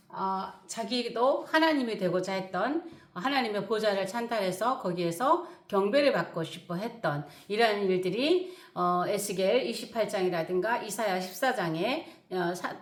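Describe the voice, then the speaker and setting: A middle-aged woman pastor teaching the Bible in an emphatic preaching manner. She repeats key words for stress and pauses often with fillers. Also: medium pitch, reverberant, slight background noise.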